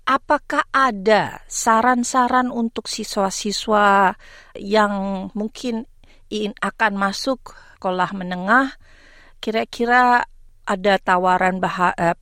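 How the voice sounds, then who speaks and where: A woman hosting a radio interview conversationally, putting her questions in an unhurried way and often rephrasing them. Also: medium pitch, a bit bright, dry recording, clean studio sound.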